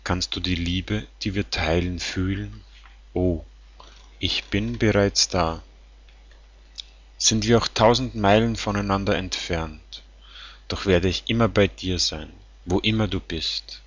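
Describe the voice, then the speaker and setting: A man slowly reading song lyrics aloud in a calm, tender, measured way. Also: low voice, dry recording. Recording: dull lo-fi sound.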